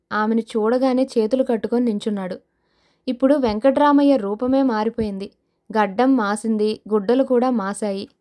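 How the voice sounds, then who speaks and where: Woman narrating a suspense audio novel. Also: fairly high pitch. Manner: steady, measured storytelling.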